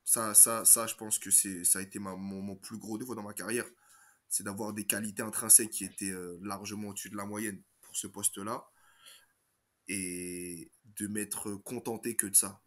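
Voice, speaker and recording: A man's voice: fairly low pitch, little pitch movement, moderate pace, fairly bright tone. A middle-aged former footballer from France, speaking in casual chat that halts and repeats words as he searches for them. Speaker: former footballer, podcast regular.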